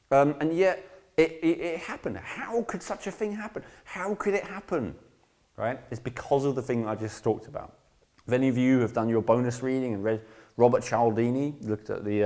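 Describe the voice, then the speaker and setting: A course instructor teaches an online course in a casual, rambling lecture, emphatic and blunt, often checking in with "right?" His voice is mid-range with a darkish tone.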